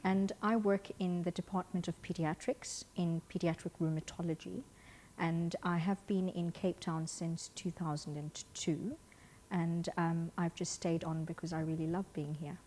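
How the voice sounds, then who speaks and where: A woman from Kenya, a pediatric rheumatologist guest on a studio talk show, speaking in a friendly, steady way. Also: on the low side, normal speed, slight background noise.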